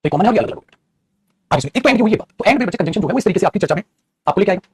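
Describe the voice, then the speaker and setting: A man teaching English grammar in a lecture. He explains fast, calls his students "beta" and keeps asking if they follow. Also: high voice, expressive, darkish tone, a little hiss or hum. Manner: rapid and explanatory, addresses students as "beta", often asks "theek hai?". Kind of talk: classroom lecture in Hindi mixed with English.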